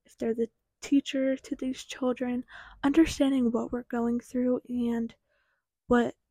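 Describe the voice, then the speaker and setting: Teen female podcast host, casual and chatty, slight retainer lisp, highish husky voice with little melodic movement. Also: flat delivery, a little slow, mellow, dry recording. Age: teens. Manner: informal, chatty.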